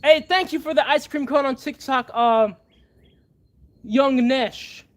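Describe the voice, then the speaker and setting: Speaking slowly in a very high voice, a livestream host who builds machines keeps things casual while fervently rousing his viewers. He earnestly thanks donors, calling each one out by name.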